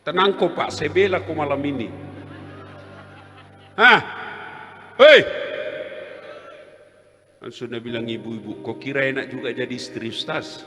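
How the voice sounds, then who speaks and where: Comic preacher, male, lively storyteller who plays his characters; live hall sound with music underneath. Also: medium pitch, unhurried, long pauses. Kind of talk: humorous sermon.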